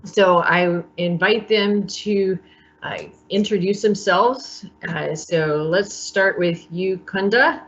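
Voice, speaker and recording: A woman hosting a panel on a video call, speaking slowly and deliberately in a calm, welcoming way. Her voice sits at a middle pitch. The sound is a little dull and lo-fi. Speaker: workshop moderator.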